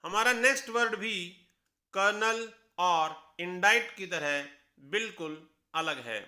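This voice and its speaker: A man, teaching pronunciation at an unhurried pace. His voice is high and very bright. He spells each word out one letter at a time, then repeats the correct pronunciation twice. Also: animated. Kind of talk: slow, deliberate classroom explanation.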